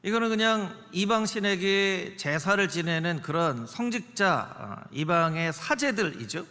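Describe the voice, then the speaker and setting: A male pastor preaching a sermon in an animated way, dropping his voice to act out the characters in the story. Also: a little slow. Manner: animated, acts out dialogue in lowered voice. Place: church sanctuary. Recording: reverberant church sanctuary.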